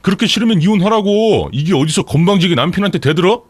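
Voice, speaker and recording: A man voicing a hot-tempered, contemptuous young husband who snaps and yells, in a story read for radio. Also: deep voice, sing-song, moderate pace, breathy edge, no room sound, full character voice. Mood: angry yelling. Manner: snapping, yelling.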